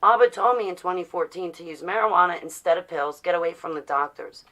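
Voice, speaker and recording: Quick and pushed, her lowish voice sounds bright, though the recording is poor. This American vlogger from New Jersey, in her forties, rambles casually about personal things, blunt and defiant, asking rhetorical questions.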